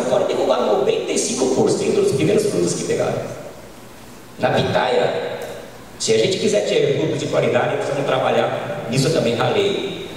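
A middle-aged Brazilian man giving an informal conference lecture on a handheld microphone, often ending points with quick tag questions. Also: a little high, a little mellow, slight background noise. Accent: Brazilian Portuguese. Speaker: agronomist lecturer. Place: large conference hall. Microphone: handheld mic, filmed from far. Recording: echoey hall from far off.

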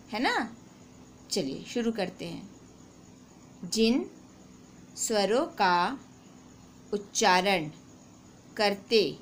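A woman teacher with a fairly high voice walks her class through a grammar lesson at a very slow, careful pace. She keeps checking in with the pupils and repeats key points patiently. Faint room noise sits under the voice. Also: a bit bright. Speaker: school teacher.

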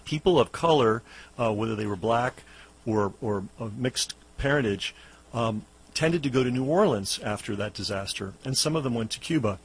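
A hoarse man who is losing his voice, a radio guest telling music history in a loose, explanatory way with many fillers. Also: mid-range voice, moderate pace, slight background noise, poor audio. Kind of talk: casual radio history talk. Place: radio studio.

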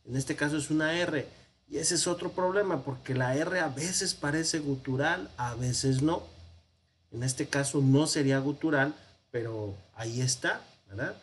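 A man's voice: on the high side, unhurried, a little hiss or hum. A man with a Mexican Spanish accent teaching a Hebrew grammar lesson, explaining patiently with fillers and frequent check-ins with his class.

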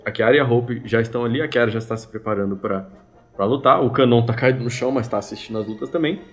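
A man in his thirties with a Brazilian accent, casually narrating a tabletop game as game master in an animated, colloquial way. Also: mid-range voice, fast. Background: background music.

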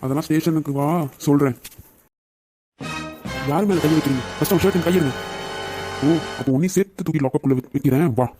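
Man voicing a loyal hot-headed young man, animated story, fast talk, slightly raised pitch. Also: over music, close to an everyday voice. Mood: confrontational.

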